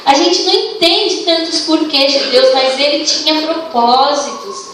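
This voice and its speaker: A young Brazilian woman preaches to a church congregation, telling personal stories and playing out the conversations. Her voice sits high and carries through a booming, reverberant hall. She is picked up from some distance away, with faint room noise behind her. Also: a little slow. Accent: Brazilian Portuguese. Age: young adult. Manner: warm storytelling, acts out dialogue. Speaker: youth congress leader and preacher. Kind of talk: sermon.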